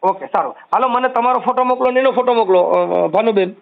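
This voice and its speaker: Man, quick and high, reassuring phone advisor, tinny line. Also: creaky. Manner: reassuring, repeats calming phrases. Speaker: social media activist taking calls. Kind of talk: phone call advice.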